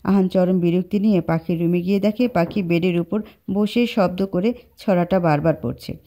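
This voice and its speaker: Woman narrator, steady storybook reading, mellow and warm, for an audio love story. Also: on the low side, moderate pace.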